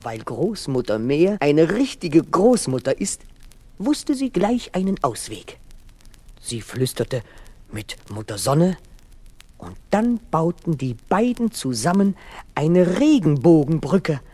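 A man narrating a children's story in a slow, lilting, expressive way. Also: high voice.

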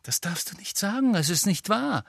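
A man with a husky voice reads a clever, earnest teenage schoolgirl in an audiobook, lifting his voice and pressing each point. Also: high-pitched, sing-song, moderate pace, no echo, clean studio sound, pitched above the performer's own voice, heavily acted. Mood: insistent. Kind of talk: audiobook character voice.

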